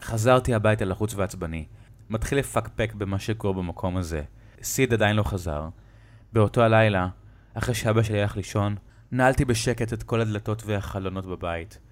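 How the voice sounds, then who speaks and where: A man narrating a horror story in a slow, dramatic storytelling manner. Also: lowish voice.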